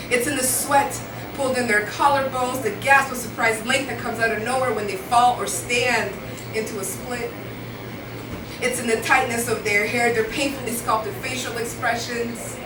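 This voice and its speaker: A woman's voice: fairly high pitch, background noise. A woman in her twenties from Rwanda, performing spoken word poetry live with an earnest, rhythmic delivery that builds through repetition. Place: indoor live venue. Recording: echoey room, voice from far off, music behind.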